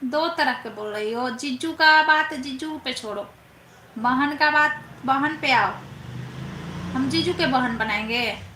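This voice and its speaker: A young female host with a high, bright, pushed voice runs a laid-back live stream where she teases viewers, reads out their comments and asks long, drawn-out questions in a playful way. Faint background noise and room echo are audible.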